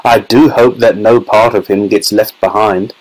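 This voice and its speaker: Storybook eccentric: reader as bearded male oddball, breezy, brisk, excitable. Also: on the low side, slightly rough, low-quality recording. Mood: mild concern. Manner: exclamatory, breezy.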